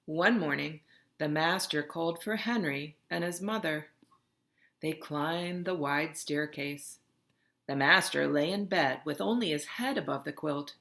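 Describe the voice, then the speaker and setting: Here a storybook reader narrates a children's picture book in a slow, dramatic, expressive way. She speaks in a low voice whose tone is bright and crisp-edged.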